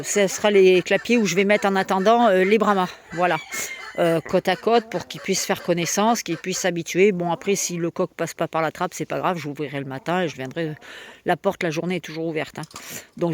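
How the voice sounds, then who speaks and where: A woman's voice: mid-range voice, a little hiss or hum. Chatty woman vlogging from her henhouse. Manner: chatty and spontaneous, coos fondly at her hens. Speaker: backyard poultry keeper vlogger. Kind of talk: casual vlog chat. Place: outdoors by a henhouse.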